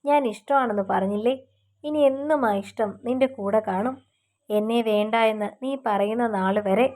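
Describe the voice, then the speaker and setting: Woman reading as a gentle young lover in a storybook romance, soft and teasing, slightly high. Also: normal speed, close to an everyday voice. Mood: tender. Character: tender young man in love.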